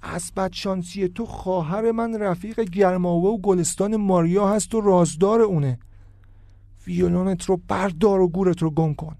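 A bitter, jealous young man speaks in a cold, clipped, contemptuous way, as a man reads him. His voice is mellow and fairly high, recorded close and dry. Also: fairly even intonation, creaky, dry recording. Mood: threatening.

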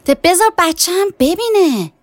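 A stern, grumbling wife, played by a male narrator in a storybook reading, her high raised voice sharp with impatience. Dry, close sound. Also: expressive, no echo. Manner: scolding, impatient.

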